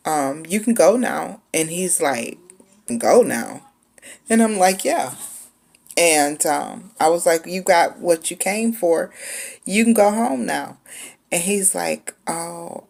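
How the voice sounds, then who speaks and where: Low gravelly woman in her 40s, slow laid-back storytime chat. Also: darkish tone. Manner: laid-back, chatty, with frequent "um" pauses. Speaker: vlogger. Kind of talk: casual storytime.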